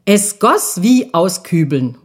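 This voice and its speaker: Slow, lilting woman reading a children's story. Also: lowish voice, big pitch swings, breathy edge.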